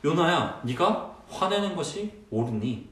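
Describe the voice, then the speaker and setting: A man voicing God, gently questioning. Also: on the high side, big pitch swings, unhurried. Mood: gentle. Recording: roomy and distant.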